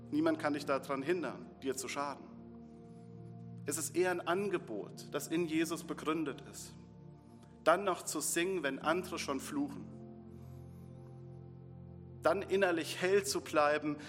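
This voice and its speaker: A man preaching a sermon with earnest, repetitive phrasing, leading his congregation into prayer. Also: fairly high pitch. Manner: earnest, builds in repeated short phrases. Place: church hall. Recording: long reverb in a hall, faint music.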